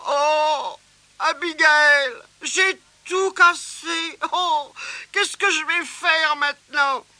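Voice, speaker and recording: Eager storybook boy, high, bright, excitable, a man doing the voice. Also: slow pace, slight background noise, heavily acted, poor audio. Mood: dismayed. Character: eager young boy, hasty and clumsy.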